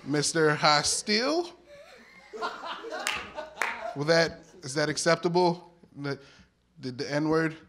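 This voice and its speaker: A man's voice: fairly high pitch, animated, slow pace, pauses often. A man doing an open-mic stand-up set, awkward and laughing at his own jokes. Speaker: stand-up comedian. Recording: noisy live recording.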